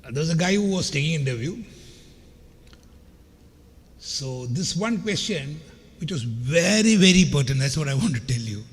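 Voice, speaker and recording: This keynote speaker, a middle-aged man from India with a scratchy voice, keeps his motivational talk chatty and humorous, sharing anecdotes and speaking straight to the crowd. His somewhat high voice is expressive, at a normal speed with frequent pauses, and the hall adds long reverb over faint background noise.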